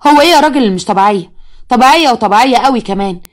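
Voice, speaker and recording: A woman's voice: a little high, animated, racing, close to an everyday voice. A woman voicing a scheming, scolding stepmother in an Egyptian accent. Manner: pushy and scolding. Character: scheming middle-aged stepmother, bossy and sharp.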